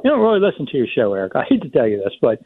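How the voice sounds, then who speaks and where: A man's voice: mid-range voice, huge pitch swings, racing, a little hiss or hum. A man who writes about sports, a guest on a radio show giving wry commentary. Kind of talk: phone-in radio interview. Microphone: telephone. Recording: tinny phone line.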